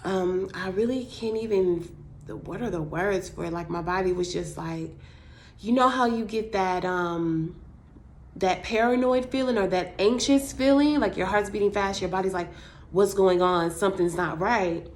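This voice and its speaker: A woman's voice: medium pitch, normal speed, slight background noise. A young woman casually telling a personal story in a vlog, with frequent "like" and "you know" fillers. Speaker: vlogger.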